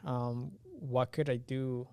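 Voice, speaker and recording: Guesting on a podcast, a young man answers questions casually, frequently searching for words. Born in Honduras with Spanish as his first language, he came to the US at nine and now studies engineering. His mid-range voice is flat, slow and darkish, with a clean tone.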